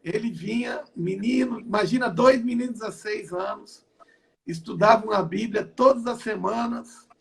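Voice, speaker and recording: Gravelly and high, at a moderate pace, this is the voice of an older apostle and pastor from southern Brazil. He gives his testimony from home in an online interview, repeating and restarting what he says.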